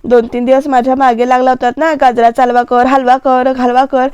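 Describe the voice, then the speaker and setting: A woman voicing an older mother and wife who is practical and gently scolds her husband, in slow, plain quoted lines. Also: sits high, little pitch movement, clean tone, no echo, lo-fi sound, close to an everyday voice.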